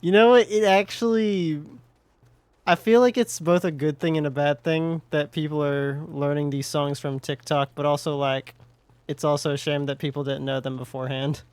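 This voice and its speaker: A man's voice: fairly even intonation, normal speed, clean tone, dry recording. A man chatting casually while streaming a game, rambling and restarting his sentences. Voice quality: higher voice. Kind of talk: casual gameplay chat.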